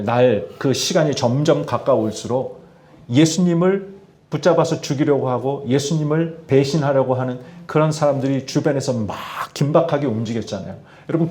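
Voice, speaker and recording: Lively-voiced male pastor preaching. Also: a little high. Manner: addresses congregation with questions, lively emphasis. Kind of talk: sermon. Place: church in Tianjin, China.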